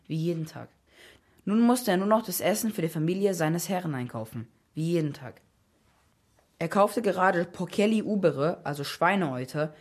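A woman reading out a story in a scripted narrating style, pausing to explain old terms. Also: on the low side. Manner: explains Latin terms as she reads.

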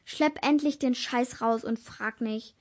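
A woman voicing a surly, dim-witted male henchman who grumbles slowly in a storybook reading. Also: on the high side. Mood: grumbling. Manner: grumbling, slow.

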